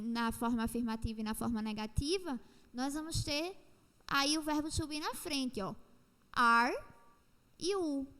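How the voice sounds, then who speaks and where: High-voiced Brazilian woman teaching in an echoey room. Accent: Brazilian Portuguese. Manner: explanatory, repeats points, slows down for examples. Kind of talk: recorded online lesson.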